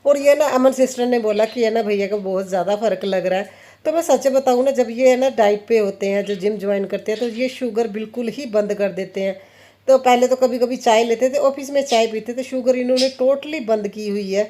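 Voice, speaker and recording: This Indian mother in her thirties, a home vlogger, has a fairly high, dark-toned voice and talks fairly quickly. While working, she chats casually about her family and her kitchen routine, laughing frequently and repeating what family members have said.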